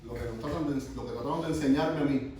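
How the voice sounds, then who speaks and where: A man teaching a sermon to young people, stopping often to quiz them and starting his phrases over. His voice sits at a middle pitch and comes from some distance away, caught in a very echoey room with a faint hiss underneath. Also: fast, mellow. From Cuba. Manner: asks the group questions, restarts often. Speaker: youth pastor. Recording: echoey room, mic from far off.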